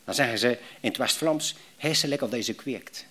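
A man's voice: medium pitch, fast. A middle-aged man from Belgium with a West Flemish accent, preaching a sermon with rhetorical questions and frequent restarts. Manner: animated, repetitive restarts, rhetorical questions to the congregation. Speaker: pastor.

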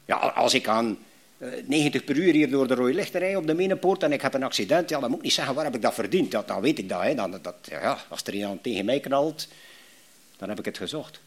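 A man's voice: mid-range voice, brisk. A middle-aged man from Belgium with a West Flemish accent, preaching a sermon with rhetorical questions and frequent restarts. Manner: animated, repetitive restarts, rhetorical questions to the congregation. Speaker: pastor.

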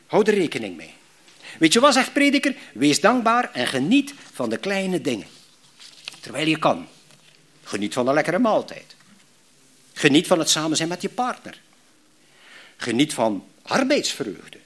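A middle-aged Belgian pastor with a West Flemish accent preaches animatedly, throwing rhetorical questions at the congregation and restarting his sentences repetitively. He speaks at normal speed with a fairly high pitch and long pauses.

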